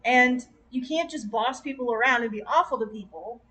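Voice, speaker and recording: A woman giving a casual, rambling tarot reading on a stream, with gentle, encouraging advice and chatty asides. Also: fairly high pitch, moderate pace, low-quality recording. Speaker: tarot reader.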